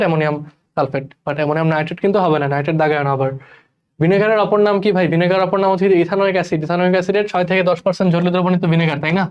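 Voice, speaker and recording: A young man from Bangladesh teaching chemistry in a rushed exam-prep lecture, repeating key terms and calling his students brother. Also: on the high side, darkish tone, clear, resonant tone, highs cut off. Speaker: chemistry tutor. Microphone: recorded voice-over for class slides.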